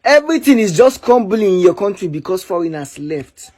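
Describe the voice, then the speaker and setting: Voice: mid-range voice, very animated, brisk, darkish tone. A speaker delivering a taunting, mocking opinion monologue. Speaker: commentator.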